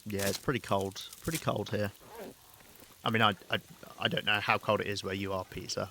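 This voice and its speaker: A man's voice: on the low side, steady tone, fairly quick, gravelly, pushed and bright, a little hiss or hum. A man with a Southern English accent chatting casually with his chat while streaming a game, talking freely and laughing often. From England.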